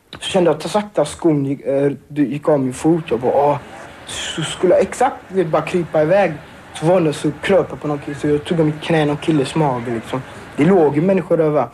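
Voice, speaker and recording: A teenage boy recounts a personal ordeal in halting, filler-laden speech. His voice sits a little high but sounds mellow and dark. He restarts often and searches for words. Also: a little hiss or hum. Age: teens. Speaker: survivor interviewee. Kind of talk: emotional personal account.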